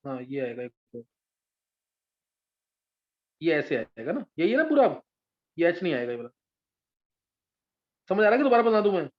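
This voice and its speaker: A man's voice: a little high, big pitch swings, normal speed, long pauses. A man teaching chemistry in a live class, patiently explaining step by step and often checking whether his students follow. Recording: dull lo-fi sound.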